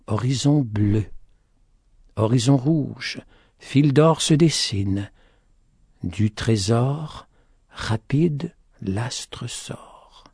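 A man's voice: mid-range voice, mellow, no echo, studio quality, full character voice. A man voicing a weak old mountain woman, murmuring faint words in a storybook reading. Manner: faint breathy whisper.

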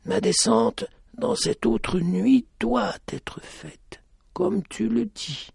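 A mysterious blind woman of the mountain, which a male narrator puts on, speaking high, slow and hushed. Her voice is husky and grainy, often sinking to a whisper, in a dry radio storytelling recording. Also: no room sound, full character voice. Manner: soft, slow, sighing delivery that drops to whispers.

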